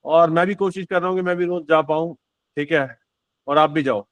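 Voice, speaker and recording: A man with a high voice hosts a singing session on a video call. He chats in a loose, encouraging way and jokes easily with his guests. His voice sounds dry and close, with no echo. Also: normal speed, a bit bright. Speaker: host of an online devotional singing session. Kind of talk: casual chat.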